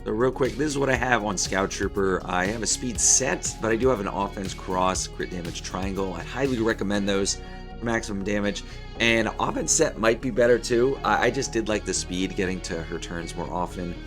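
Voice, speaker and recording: A man in his thirties with a hoarse, failing voice, giving casual game commentary as host of a gaming video. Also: fairly low pitch, moderate pace, over music. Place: small room indoors at a desk.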